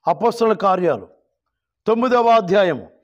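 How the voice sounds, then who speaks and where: A male pastor preaching a sermon, reading scripture slowly and calling on the church to shout hallelujah. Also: high voice, very animated, highs cut off. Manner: calls for loud hallelujahs, rising to shouts; drawn-out quoting of scripture verses.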